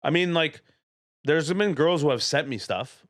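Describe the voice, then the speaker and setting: A man's voice: animated, measured pace, no echo, studio quality. A young man, a comedian guest on a podcast, telling stories in a wry, laid-back casual chat. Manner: laid-back, wry storytelling, mumbles low asides.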